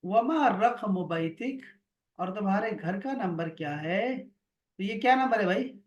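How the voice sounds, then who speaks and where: High-voiced male Arabic teacher. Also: lively intonation, highs cut off. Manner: patient, repeats and drills words. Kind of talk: online grammar lesson. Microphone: video call.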